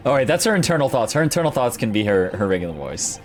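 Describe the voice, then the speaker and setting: A man's voice: medium pitch, sing-song, quick pace, faint music behind. A man streaming a story game, chatting casually and jokingly, tripping over words as he reads lines aloud. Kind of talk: casual let's-play chat, reading game lines.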